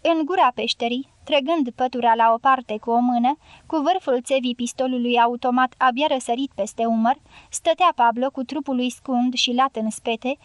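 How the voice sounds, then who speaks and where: A woman narrating an audiobook in an even, measured reading, close to the mic. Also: high voice, no echo. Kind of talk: scripted narration.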